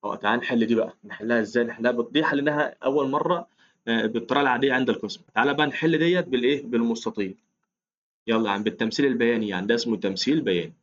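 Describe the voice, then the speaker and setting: A man's voice: medium pitch, rapid-fire, highs cut off. A man with an Egyptian accent teaching a math lesson in a chatty, coaxing way, counting aloud as he works. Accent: Egyptian Arabic. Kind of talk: casual explained lesson.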